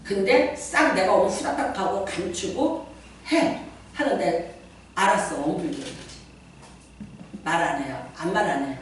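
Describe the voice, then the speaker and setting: A middle-aged woman pastor preaching a lively sermon, often asking the congregation questions. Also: fairly low pitch, measured pace, pauses often, a little hiss or hum. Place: church sanctuary. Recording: very echoey church hall, mic at a distance.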